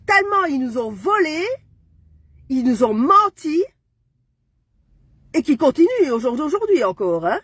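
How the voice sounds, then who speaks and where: Furious ranting woman, high voice. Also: very animated, measured pace, pauses often, a bit bright, no echo. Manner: furious, ranting, keeps tagging "hein". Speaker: Facebook live streamer. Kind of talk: angry live-stream rant.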